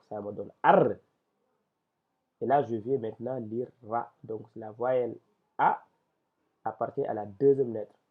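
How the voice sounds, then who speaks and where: A man teaching Arabic reading step by step, patient and spelling out syllables one at a time. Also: mid-range voice. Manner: slow and patient, with many restarts and syllable-by-syllable spelling. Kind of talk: step-by-step lesson. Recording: tinny phone-like sound.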